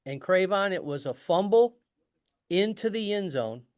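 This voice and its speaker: Man, middle-aged, lively storyteller, fairly high pitch, dry recording. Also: a little slow, clear, resonant tone, no echo. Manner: animated, acts out dialogue. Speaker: guest storyteller. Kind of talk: casual storytelling.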